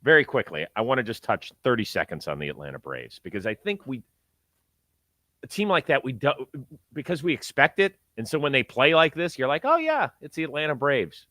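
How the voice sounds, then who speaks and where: A man's voice: medium pitch, expressive, brisk, sharp tone, dry recording, studio quality. A man hosting a sports talk show, giving conversational commentary with emphatic, punchy phrasing.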